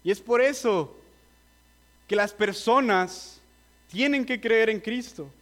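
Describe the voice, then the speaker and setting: A man delivers a sermon in a notably high voice. He speaks earnestly and presses his listeners directly, with a slightly nervous edge. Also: takes it slowly, a bit bright. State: nervous, admits trembling. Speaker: preacher.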